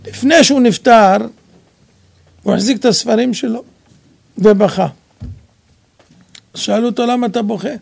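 A man giving an animated sermon, telling stories and acting out dialogue, sometimes rising to shouts. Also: very high voice, creaky, long pauses. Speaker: rabbi preacher.

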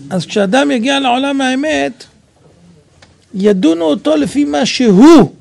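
A man giving an animated sermon, telling stories and acting out dialogue, sometimes rising to shouts. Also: very high-pitched, vocal fry. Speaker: rabbi preacher.

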